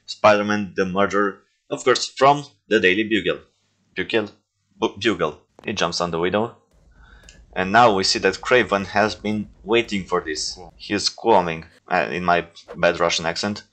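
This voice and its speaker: Man, deep voice, toy-film creator reacting to his past work, loose and self-mocking, jokey asides. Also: normal speed, fairly bright tone. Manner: rambling, self-deprecating, joking. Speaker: stop-motion filmmaker reviewing his own movies. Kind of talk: casual reaction commentary.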